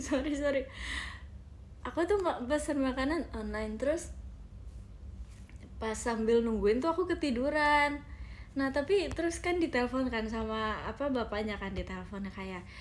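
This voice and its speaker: High-voiced, chatty young woman on a phone stream. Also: unhurried, long pauses, a little hiss or hum. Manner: chatty and giggly, often addresses viewers as guys. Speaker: idol live streamer. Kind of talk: casual live-stream chat, reading viewer comments.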